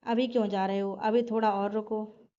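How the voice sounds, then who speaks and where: A woman's voice: mid-range voice, flat delivery, moderate pace, dark tone, lightly acted. A woman voicing a cheerful, insistent young woman friend. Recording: dull lo-fi recording.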